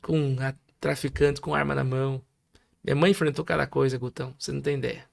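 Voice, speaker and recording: A Brazilian man sharing his testimony in a casual conversation, as an animated storyteller who acts out voices. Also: mid-range voice, quick pace, vocal fry. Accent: Brazilian Portuguese. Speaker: guest preacher.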